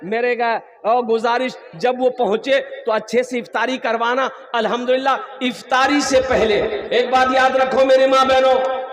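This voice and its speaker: A man preaching a lively sermon at a public gathering, joking with the crowd and repeating his phrases. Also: very high-pitched, moderate pace. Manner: jokes with the crowd, repeats phrases, addresses mothers and sisters. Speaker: Islamic preacher. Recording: echoey reverberant venue, voice from far off.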